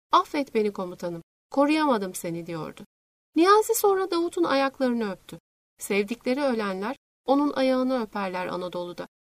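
A woman reading a novel aloud in measured, scripted narration. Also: on the high side, dry recording. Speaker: audiobook narrator.

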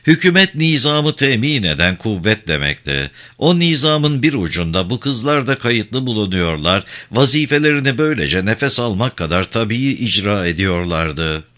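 A man narrating a novel in a measured, expressive reading. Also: lowish voice.

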